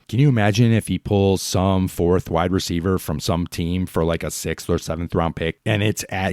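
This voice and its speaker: A man's voice: low-pitched, a little mellow, dry recording, clean studio sound. A man hosting a fan sports podcast, ranting in a heated, exasperated, pleading way. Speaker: podcast host.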